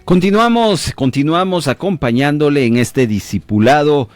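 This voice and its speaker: A man's voice: fairly high pitch, moderate pace, soft background music. A man hosting a radio Bible teaching program with a Latin American Spanish accent, preaching emphatically and putting questions to his listeners. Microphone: studio microphone.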